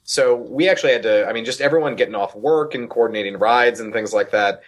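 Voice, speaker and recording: A man's voice: medium pitch, fast. A man speaking as an activist guest in a casual, rambling conversation. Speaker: interview guest, political activist.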